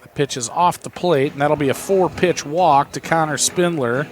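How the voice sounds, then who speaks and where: A man with an American Midwest accent calling a local baseball game play-by-play, chatty and reading viewer texts between pitches. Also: normal speed. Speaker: play-by-play announcer.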